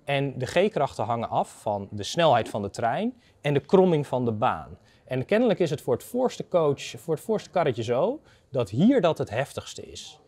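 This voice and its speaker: A man in his thirties with a mid-pitched, highly animated voice. He explains technical data conversationally, building it up step by step in a didactic way. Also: moderate pace. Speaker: expert guest, data analyst. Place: indoor garden atrium of a university building.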